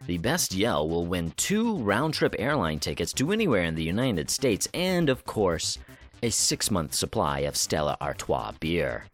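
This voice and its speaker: Lively low-voiced man hosting theater news. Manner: upbeat, promotional, leans on "of course". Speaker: podcast host. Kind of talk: read theater news podcast.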